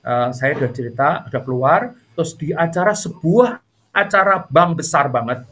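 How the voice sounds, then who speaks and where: A middle-aged man telling a story in a casual interview. He talks in a chatty way with many fillers and jumps up in pitch when a story gets lively. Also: moderate pace, a little hiss or hum. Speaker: interview guest.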